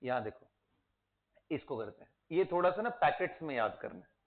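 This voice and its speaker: A man's voice: on the high side, expressive, a little fast. A man teaching a chemistry lesson, quizzing his students and coaxing them to recite element names. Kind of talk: classroom lecture. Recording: tinny phone-like audio.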